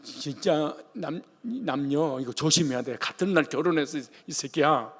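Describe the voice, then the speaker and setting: A man from the Jeolla region preaches in a loose, joking, conversational way. His voice sits high for a man and has a gravelly edge. A long hall reverb trails behind every phrase. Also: animated, normal speed, a little hiss or hum. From Jeolla region, Korea. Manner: colloquial, joking preaching style. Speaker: pastor. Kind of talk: sermon.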